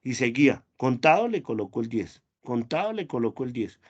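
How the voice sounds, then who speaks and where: A man's voice: mid-range voice, big pitch swings, fairly quick, slightly rough, dull audio. A man teaching a spreadsheet class online, patient and repetitive, often praising questions.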